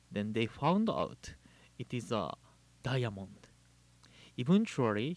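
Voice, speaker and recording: A man from Japan with a Japanese accent, a Buddhist minister giving a measured, deliberate Dharma talk and telling a story. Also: medium pitch, dry recording. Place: living in Hawaii.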